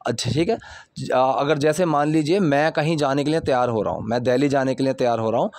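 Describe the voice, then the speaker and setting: A man teaching English by explaining movie subtitle lines, reading each example sentence slowly and deliberately. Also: mid-range voice, darkish tone, no room sound.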